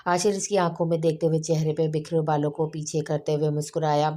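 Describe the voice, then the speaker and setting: A woman reads a romance novel aloud in a low, dark voice. Her delivery stays almost perfectly flat, with little rise or fall even in the dialogue. She keeps a steady narrating pace and stumbles and restarts a word now and then. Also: fairly quick. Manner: monotone, steady reading with small restarts. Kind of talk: reading a romance novel aloud, voicing every character.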